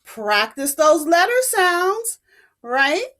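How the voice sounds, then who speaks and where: A woman's voice: very high voice, sing-song, drawn-out words, fairly bright tone, heavily acted. A woman playing an overbright, exclamatory children's show host with a cheery, sing-song delivery. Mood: bubbly, encouraging. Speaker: children's show host teaching letter sounds.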